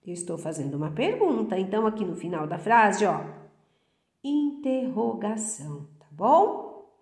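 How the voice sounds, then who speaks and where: A Brazilian woman teacher giving a recorded lesson to her pupils, slow and patient, often checking that the class follows along. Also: mid-range voice, very animated, darkish tone. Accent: Brazilian Portuguese. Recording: echoey room.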